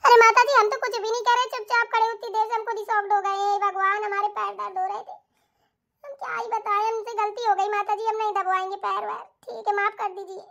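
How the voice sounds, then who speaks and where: Cartoon role: a woman doing a squeaky, pleading young wife who keeps justifying herself. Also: little pitch movement, vocal fry, fairly bright tone, exaggerated voice. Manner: pleading, self-justifying, rapid. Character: whiny young daughter-in-law, defensive and pleading. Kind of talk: cartoon voice acting.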